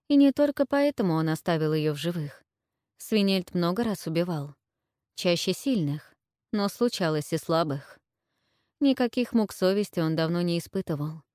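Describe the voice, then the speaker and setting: A woman with a fairly low voice narrates an audiobook in a measured, even storytelling style. The studio-quality recording has no room sound.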